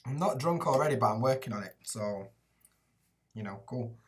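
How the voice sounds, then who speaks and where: This young man with a Yorkshire accent, originally from around Rotherham in England, is a YouTuber based in Japan. He answers viewer chat on a live stream in a casual, sweary way, full of "like" and "mate." His medium-pitched voice is expressive at a normal speed and comes from far off the mic, in a small indoor room with shelves behind him.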